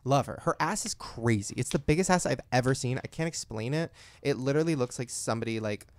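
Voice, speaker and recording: A man's voice: mid-range voice, fast talker. A man hosting a podcast, telling stories in casual chat and acting out the people he quotes. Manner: animated storyteller, acts out quotes. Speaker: podcast host.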